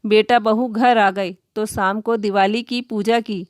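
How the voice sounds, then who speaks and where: A woman storyteller reading a scripted moral story at a steady, even pace, recorded on a close microphone in a quiet room. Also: medium pitch, measured pace, no echo.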